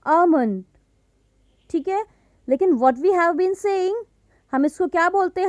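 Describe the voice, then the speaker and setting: A high-pitched woman with an Indian accent teaches pronunciation at an unhurried pace. She draws out each example word with care. Her voice sounds close and dry, with no room around it. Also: a little mellow, no echo. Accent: Indian English. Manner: slow, deliberate, stretches out example words. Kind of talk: Hindi-English mixed lesson.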